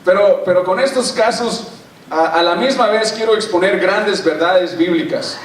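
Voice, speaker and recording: A lively male pastor preaches a sermon full of joking stories and keeps pulling the congregation in. His somewhat high voice rings through an echoey church hall, caught from a distance. A faint hum of the room sits behind him. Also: normal speed.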